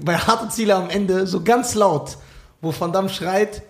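A male podcast host in casual chat, an excitable and enthusiastic fan. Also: high-pitched, measured pace.

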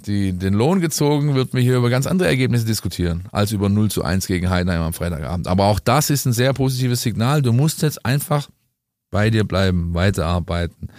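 A man's voice: on the low side, a little mellow, no room sound, studio quality. A man talking football on a podcast, emphatic and lecturing, often ending points with a questioning "ja?". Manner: emphatic, lecturing, rhetorical "ja?" tags. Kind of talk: opinionated monologue in a podcast.

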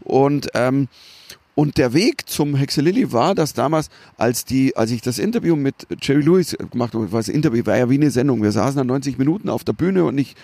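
A man's voice: medium pitch, lively intonation, fairly quick, mellow, dry recording. A middle-aged man with a Bavarian accent, a comedian chatting and telling stories with many restarts. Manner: rambling storyteller, many restarts. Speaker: comedian guest. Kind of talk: casual chat.

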